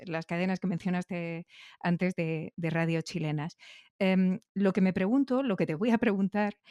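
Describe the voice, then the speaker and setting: A woman with a Castilian Spanish accent interviews a guest on a podcast in a conversational style. Her voice is on the low side and a little mellow, recorded with no echo. She builds long, thoughtful questions and checks in with little tags.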